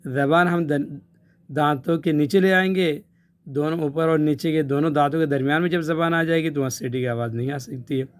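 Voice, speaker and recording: A man's voice: on the high side, fairly even intonation. A man teaching Quran recitation, patiently explaining letter sounds and repeating short syllables for practice. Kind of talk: Tajweed lesson with drills.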